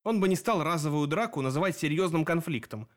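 Man doing a sarcastic demon investigator, harsh and mocking, fairly high voice. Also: animated, quick pace, natural voice. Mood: stern. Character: sharp-tongued sarcastic male demon investigator.

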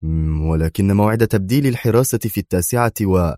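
A man's voice: fairly low pitch, brisk, mellow, dry recording, clean studio sound, lightly acted. A man voicing a nervous, irritable male museum director. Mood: indignant. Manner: nervous, indignant.

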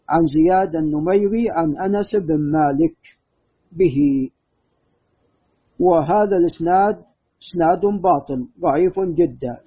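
A man's voice: fairly high pitch, husky. A man, a religious scholar, giving a methodical lecture that lists chains of narrators and grades each report, and answering a student's questions. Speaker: hadith scholar teaching. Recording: tinny lo-fi phone-like recording.

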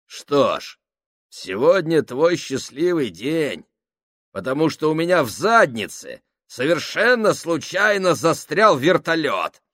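A man voicing a tough, crude male foreman who barks orders and mocks roughly. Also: on the high side, very animated, slow, a bit bright, no echo, clean studio sound, pitched above the performer's own voice, exaggerated voice. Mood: mocking. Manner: rough, mocking, commanding.

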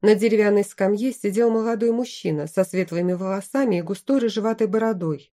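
A woman narrating a first-person fantasy audiobook in an even storytelling manner. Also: mid-range voice, brisk.

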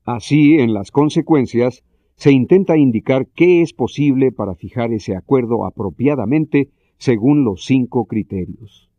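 A man narrating a scripted self-help lesson in a measured, explanatory way. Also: mid-range voice, mellow, no room sound, highs cut off.

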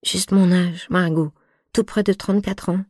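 A woman's voice: on the low side, fairly even intonation, measured pace, a little mellow, no echo, clean studio sound. A woman reading the part of a tired thirty-four-year-old woman in love, speaking in an imploring, emotional way. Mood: amoureux. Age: 30s. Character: femme de trente-quatre ans, fatiguée et amoureuse.

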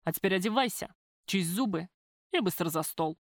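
Brief: woman narrator doing a gruff, bossy middle-aged father for an audiobook; scolding, contemptuous, commanding, in a close dry read. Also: on the low side, animated, normal speed, no echo. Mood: mocking, bossy.

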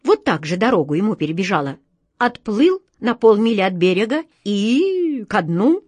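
A woman's voice: mid-range voice, very animated, normal speed, a little mellow, no echo. A woman voicing a brave but superstitious sea captain who pleads anxiously with his friend, storybook style. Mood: pleading. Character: fearful, superstitious kind sea captain man.

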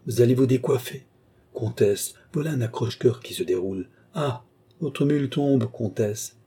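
A man voicing an old, fawning male courtier who speaks in a mincing, flattering way. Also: medium pitch, normal speed, slightly rough, pitched above the performer's own voice. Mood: fussing.

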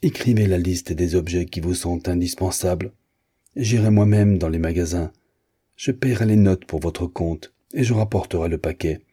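A man's voice: deep voice, moderate pace, breathy edge. A man reading aloud, playing a fussy, tyrannical captain who barks orders. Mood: commanding. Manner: barking orders, shouting.

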